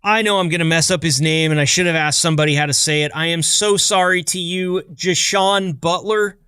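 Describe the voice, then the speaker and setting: An American man around his thirties hosts a podcast intro that's casual, chatty and loosely scripted, full of upbeat, playful patter. His voice is on the high side, fairly quick, pushed and bright, with a clean tone and no echo in clean studio sound.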